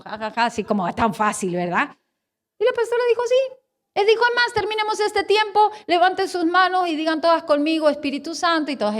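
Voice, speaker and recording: A woman pastor in her forties with a Spanish accent preaches from the pulpit, her voice sitting high. She tells a personal testimony in a lively, storytelling way, dropping to near-hushed moments and then rising to emphatic ones. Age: 40s. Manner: storytelling, animated, swings between hushed and emphatic.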